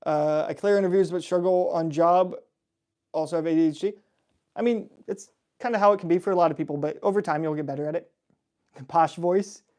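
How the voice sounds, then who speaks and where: Relaxed chatty man with a mellow voice. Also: a little high, fairly quick. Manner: relaxed, chatty, laughs often, frequent "like" and "um". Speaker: host answering viewer chat. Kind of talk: casual livestream Q&A.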